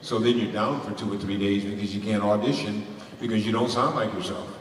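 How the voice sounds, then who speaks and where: A man's voice: fairly low pitch, steady tone, brisk, far from the mic, slight background noise. A man speaking as a voice actor on a convention panel, rambling with lots of restarts and laughs. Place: large convention hall. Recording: echoey hall recorded from afar.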